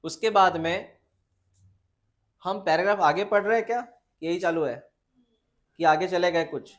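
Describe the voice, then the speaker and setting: High-voiced biology teacher lecturing students. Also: male voice, a bit bright. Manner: informal, addresses students as beta, asks and answers own questions; reads textbook lines slowly in English. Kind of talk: classroom lecture.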